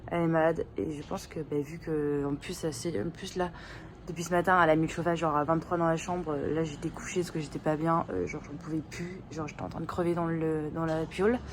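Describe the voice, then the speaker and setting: Holding her phone at arm's length, a young vlogger with a cold, blocked nose, and sore throat chats casually, rambling in slang with lots of fillers. Her voice sits low with fairly even intonation, a little fast, and there's slight background noise.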